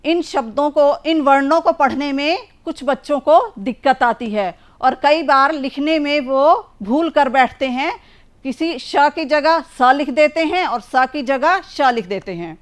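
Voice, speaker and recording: A woman's voice: high voice, a little slow. A woman teaching a children's language lesson, patiently drawing out each sound and word for young pupils. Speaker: primary school teacher.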